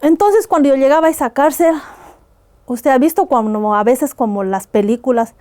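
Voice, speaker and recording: A woman from Ecuador shares earnest testimony of her hardships as a podcast guest, her high voice warm in tone and her pace normal.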